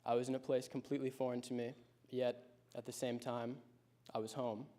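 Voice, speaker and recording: This is a teenage boy in his senior year of high school, reading aloud a personal speech he wrote ahead of time. He reflects on his story with measured pacing and keeps his pitch mostly even, with very little movement. The voice leans mellow and darker.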